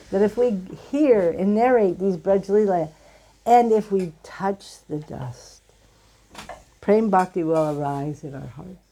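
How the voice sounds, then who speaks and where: A woman giving a devotional discourse in an earnest, gentle storytelling way. Her voice is warm and mellow and sits a little low. She often slips into short quoted lines as she teaches. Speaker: spiritual teacher.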